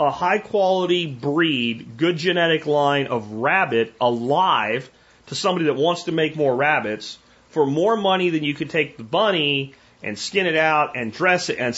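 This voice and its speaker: A man's voice: fairly high pitch, expressive, moderate pace, a bit bright, muffled recording. A man hosting a homesteading show, talking casually and with strong opinions as he answers viewer questions. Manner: folksy, opinionated, with frequent restarts and tag questions. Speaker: homesteading podcast host.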